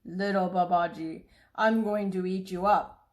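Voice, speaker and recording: Lady reading out a bossy greedy storybook tiger, slow and bragging. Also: on the low side, steady tone, lightly acted. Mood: boastful. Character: boastful greedy jungle tiger.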